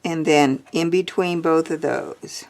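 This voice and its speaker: A woman's voice: deep voice, steady tone, slow, darkish tone. A woman teaching a drawing lesson, chatting and thinking aloud as she draws, with the hiccups. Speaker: art teacher.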